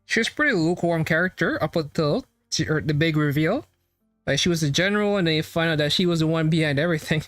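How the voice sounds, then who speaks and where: A man's voice: on the high side, animated, quick pace, fairly bright tone, dry recording. A man giving casual, crude and profane live commentary as he reacts to a game's story. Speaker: streamer reacting to a game story. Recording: dry mic, faint game music behind. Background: game music and dialogue.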